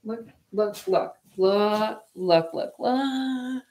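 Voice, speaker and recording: A woman's voice: medium pitch, drawn-out words, very noisy. A woman in her forties, chatting in a rambling, casual way with viewers while baking live in her home kitchen, picked up by a camera on the counter. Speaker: vlogger hosting a live cooking stream.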